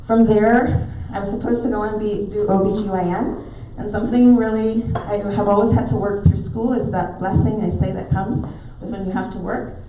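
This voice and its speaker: A woman's voice: mid-range voice, fairly even intonation, moderate pace, few pauses. Barbadian lady giving a talk in a pub, storytelling, roomy echo, faint hum behind. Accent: Barbadian, softened by years in the US. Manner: warm storytelling with filler ums. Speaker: guest speaker, naturopathic doctor. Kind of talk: talk at a club meeting. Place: pub dining room. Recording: echoey, dull, distant room recording.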